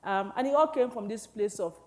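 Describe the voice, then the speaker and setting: A woman's voice: fairly high pitch, fairly quick, darkish tone. Reflective woman from Cameroon. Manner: reflective, thoughtful, with frequent "you know". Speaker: author. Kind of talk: onstage conversation. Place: public library event hall.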